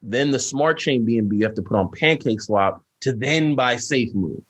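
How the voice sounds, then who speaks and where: A young man co-hosting a casual podcast, explaining things in a loose, animated way full of "like" and "you know what I'm saying". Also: mid-range voice, normal speed. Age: young adult. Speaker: podcast co-host. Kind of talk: casual chat.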